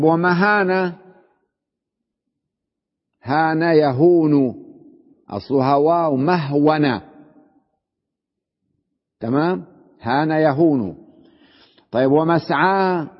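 Slow-drawling male grammar teacher in a hall. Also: on the high side. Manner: explains step by step, asks the class questions and answers them; drawls words out slowly to spell out their forms. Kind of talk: classroom lesson. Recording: muffled recording with long hall reverb.

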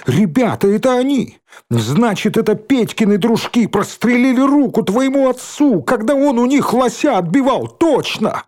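Man putting on an excited shouty kid, high and loud. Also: a little fast, creaky, few pauses, husky, heavily acted. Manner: eager, shouting. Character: excited quick-witted redheaded boy.

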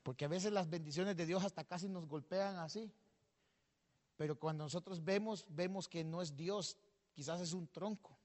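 A male pastor telling a parable in a sermon, rising to a shout and having the congregation repeat after him. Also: high voice, moderate pace, long reverb tail. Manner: storytelling, shouting when stirred, calls on the congregation to repeat.

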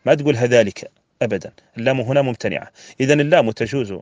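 Man, scholar's grammar lecture, quick delivery, repeats key phrases, dry close sound. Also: medium pitch, darkish tone, no echo. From Mauritania. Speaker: Islamic scholar teaching grammar. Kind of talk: classroom lecture explaining a verse text.

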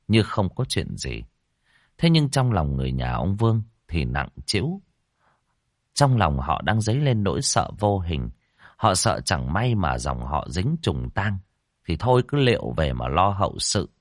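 A man narrating a ghost story in an expressive, dramatic storytelling manner. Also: low-pitched, dry recording. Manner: expressive, rising and falling storytelling. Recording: dry close mic with faint music.

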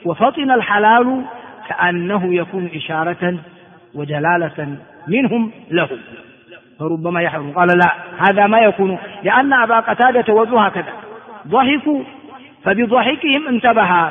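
A man from Ethiopia teaching a religious lesson, reading a text aloud and explaining it phrase by phrase, often repeating himself and filling pauses. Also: high voice. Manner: explanatory, repeats and glosses phrases, frequent filler words. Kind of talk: classroom lecture explaining hadith text. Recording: tinny lo-fi recording with long hall reverb.

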